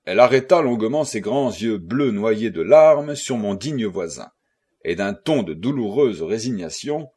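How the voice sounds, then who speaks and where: A man narrating a classic novel for an audiobook, in a measured and expressive reading style. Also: fairly low pitch, husky. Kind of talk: scripted narration.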